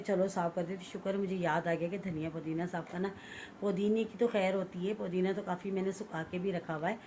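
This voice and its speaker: A woman's voice: on the low side, darkish tone, a little hiss or hum. Chatty woman vlogging while cooking. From Pakistan. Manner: chatty, keeps telling viewers to look. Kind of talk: casual chat to viewers while cooking. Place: home kitchen.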